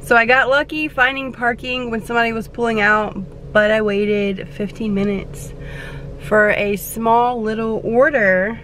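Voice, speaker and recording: A woman's voice: fairly high pitch, steady tone, unhurried, noisy background. A young woman chatting casually to viewers while she sits in her car between delivery orders, rambling and full of "like" fillers. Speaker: delivery driver vlogger. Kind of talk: casual chat while driving. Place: inside a parked car.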